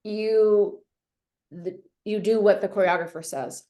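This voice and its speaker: A woman's voice: mid-range voice, steady tone, slow pace, mellow. Woman from Canada, middle-aged, chatty guest, casual story, lots of fillers. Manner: chatty, lots of "like" and "you know".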